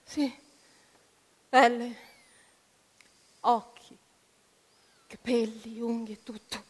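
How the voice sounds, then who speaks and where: A woman voicing a hoarse, worn-out farm parent of a strange boy, in a reading with long reverb. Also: on the high side, flat delivery, extremely slow, exaggerated voice. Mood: weary.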